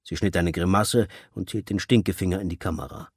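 Male audiobook narrator, low voice, dry booth sound, measured delivery. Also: slightly rough, dry recording.

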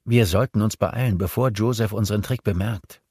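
Ein Mann spricht in einem Hörbuch einen jungen Hacker, trocken und konzentriert. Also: male voice, lowish voice, normal speed, gravelly, darkish tone, no room sound, clean studio sound, voice pushed up. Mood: nüchtern. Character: young male hacker, wry and focused.

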